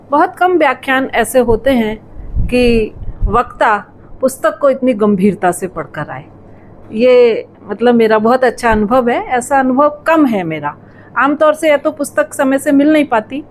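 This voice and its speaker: A woman moderating a book discussion with a high voice. She responds thoughtfully and at length. A faint hum runs underneath. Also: low-quality recording. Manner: appreciative, thoughtful, speaks at length.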